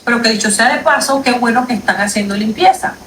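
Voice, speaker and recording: A woman's voice: fairly high pitch, fast, fairly bright tone. A woman lawyer, making an indignant, emphatic livestream statement from a street at night, repeating her points. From Panama. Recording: echoey, distant from the mic, faint background noise.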